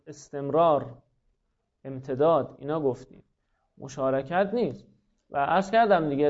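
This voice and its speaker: A man's voice: on the high side, a little mellow. A man teaching a class, explaining step by step, often repeating himself and putting questions to his students. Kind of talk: classroom lecture. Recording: dull lo-fi recording.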